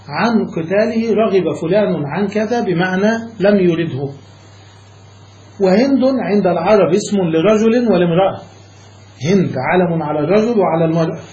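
A sheikh teaches a classroom grammar lesson in a high, mellow voice, laying out each rule step by step. He pauses often to check that his students follow. The recording sounds roomy, with a faint hiss underneath. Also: muffled recording. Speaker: Islamic scholar teaching Arabic grammar.

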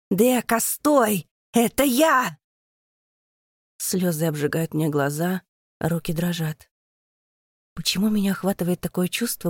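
A woman's voice: on the low side, a little mellow, no room sound, clean studio sound. A woman narrating a first-person fantasy audiobook in a tense, dramatic reading.

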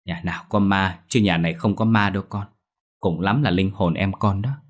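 A man doing a gentle soothing father. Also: low voice, normal speed. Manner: soft, reassuring. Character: caring middle-aged father, gentle and soothing.

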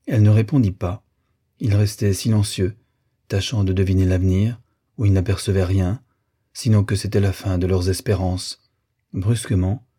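A man narrating a literary audiobook in a measured, calm way. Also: lowish voice, slightly rough.

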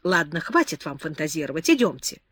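Woman reading as a gruff man, exasperated, curt, lower voice, audiobook. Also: big pitch swings, brisk, a bit bright, dry recording, studio quality, exaggerated voice. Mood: dismissive. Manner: grumbling, curt.

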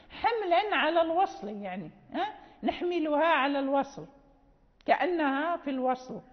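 Woman teacher going over recitation rules, repeats herself, keeps asking "ha?", high voice, lo-fi, hall echo. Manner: explains slowly, repeats phrases, checking tags like "ha?". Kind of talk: lecture explaining recitation rules. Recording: dull lo-fi sound in a reverberant hall.

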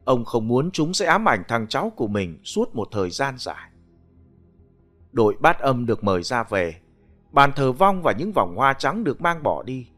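A man narrating a ghost story in an expressive, scripted storytelling manner. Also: medium pitch, moderate pace. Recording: faint background music.

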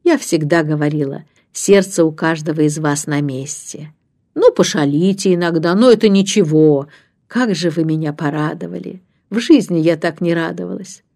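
Woman doing a brisk, loving old nanny. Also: low-pitched, warm tone. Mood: fussing.

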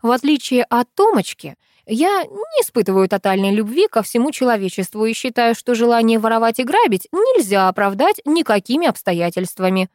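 A woman reading a first-person comic audiobook with expressive narration. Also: fairly high pitch, brisk, hardly any pauses, no room sound, studio quality. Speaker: audiobook reader.

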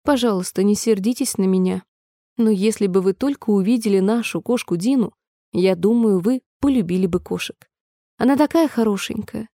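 A woman's voice: medium pitch, moderate pace, dark tone, dry recording, studio quality, close to an everyday voice. A woman voicing a polite, chatty, fretful little girl in a storybook reading, sounding eager and apologetic.

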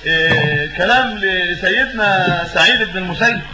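A man's voice: sits high, moderate pace, reverberant, lo-fi sound, very noisy. A man with an Egyptian accent giving a religious lesson as a preacher. He asks questions and fills in the answers himself, and he repeats words for emphasis. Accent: Egyptian Arabic.

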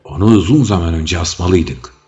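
A man voicing a fretful old male chief advisor who bursts out in shrill, panicky cries. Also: normal speed, warm tone, close to an everyday voice. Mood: sour. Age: older. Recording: dull audio with faint music.

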